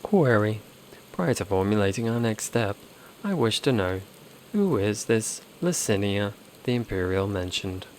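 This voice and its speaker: A man's voice: on the low side, very animated, unhurried, darkish tone, slight background noise. A man voicing a literal-minded robotic machine intelligence, reading its lines in stiff, clipped, precise wording. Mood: formal. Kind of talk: reading game dialogue aloud.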